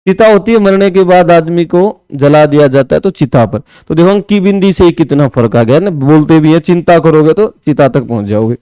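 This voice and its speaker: A man's voice: high-pitched, a little mellow, clean tone, no echo. A man teaching a Hindi spelling lesson for exam prep, explaining step by step and asking his students questions. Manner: explains step by step, often asks "है ना"; writes on a board while talking.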